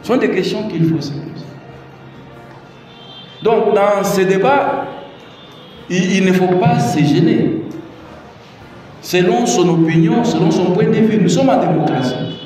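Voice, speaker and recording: In an echoey hall, captured by a far-off mic over soft background music, a middle-aged Congolese presidential adviser gives a public talk on the constitution with a Congolese French accent. His voice is high-pitched and warm, unhurried with frequent pauses. He leans on repeated key phrases and rhetorical questions to the crowd.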